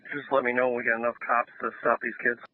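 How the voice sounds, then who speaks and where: A man's voice: medium pitch, little pitch movement, quick pace. A man who is a police officer, talking in terse, clipped codes over a police radio transmission. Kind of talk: radio dispatch traffic. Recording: narrow, noisy police radio.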